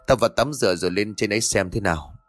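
A man voicing a tired, gruff older uncle who speaks in a weary, curt way. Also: on the low side, fast talker, no room sound, close to an everyday voice.

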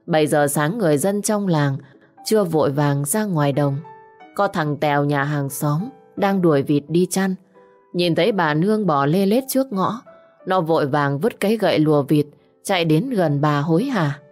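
A woman narrating a village tale in a slow, measured, dramatic storytelling manner. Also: low-pitched, a little mellow. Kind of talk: scripted audio story narration. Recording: faint background music.

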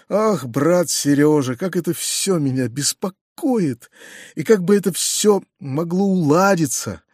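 A man voicing a kind, excitable middle-aged uncle who gushes, hurries and stammers. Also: a little high, no echo, studio quality. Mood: fretful.

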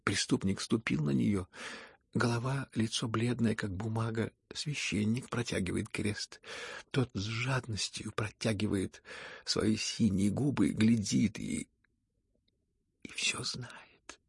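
A man with a husky, gravelly voice voicing a gentle young prince who speaks thoughtfully and often sinks into a whisper. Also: lowish voice, no echo, studio quality, exaggerated voice. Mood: hushed, musing. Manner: musing, slows down and drops to a whisper.

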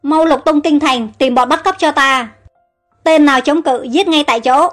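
A woman's voice: sits high, moderate pace, a bit bright. A woman reading the lines of an angry middle-aged king who barks orders and threats, in a storybook narration with faint music behind. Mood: furious.

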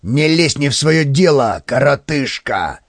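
A man voicing a gruff, bullying male policeman who interrogates a crowd. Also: medium pitch, big pitch swings, no echo. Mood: menacing. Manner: menacing, slow and commanding.

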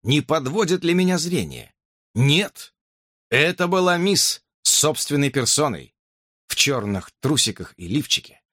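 Man narrating an audiobook, lively delivery. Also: on the high side, unhurried, no echo, studio quality. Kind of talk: first-person audiobook narration.

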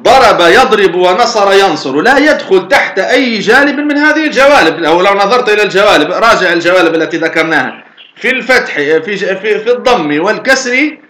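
A man teaching a grammar lesson. His voice is high and sharp and rings around a roomy space. He poses questions to the class, answers them himself, and chants lines of verse. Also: lively intonation, brisk. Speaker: teacher of Arabic morphology. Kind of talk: lecture explaining a grammar poem.

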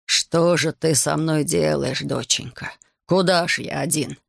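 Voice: mid-range voice, fairly even intonation, creaky, no room sound, clean studio sound. A reader doing a tearful old village elder. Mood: pleading, lamenting. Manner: slow, pleading, whining.

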